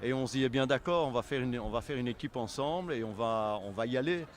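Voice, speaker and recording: The speaker is a man with a mid-range voice and a quick pace, interviewed as a member of a film selection association. He answers in a conversational, explanatory manner and rephrases as he goes, over faint background city noise.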